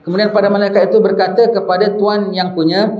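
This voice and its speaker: A man's voice: high voice, level tone, quick pace, a little mellow. A man with a Malaysian Malay accent preaching a sermon, bantering with the audience and mock-arguing in a rising, incredulous voice. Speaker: religious teacher. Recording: roomy, muffled recording with faint hiss.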